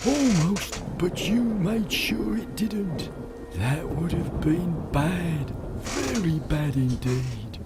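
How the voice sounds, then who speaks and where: Slow, drawn-out ancient tree. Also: male voice, lively intonation, loud music behind the voice. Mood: grateful, relieved. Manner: drawn-out, mellow, muttering. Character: ancient drowsy male tree creature, kindly and anxious. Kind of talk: game character acting. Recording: storm ambience and rumbling noise behind.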